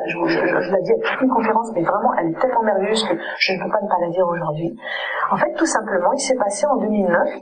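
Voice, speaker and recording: A woman's voice: mid-range voice, low-quality recording. A woman child psychologist giving an earnest conference lecture and often checking in with her audience.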